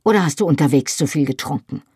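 A woman's voice: sits low, expressive, fast talker, darkish tone, slightly rough, dry recording, studio quality, heavily acted. A woman reading the part of a fierce young woman who speaks sharply and sarcastically.

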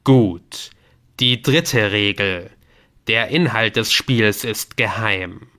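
A man voicing a mysterious computer game that speaks in slow, loud, solemn pronouncements. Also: on the low side. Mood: solemn commanding.

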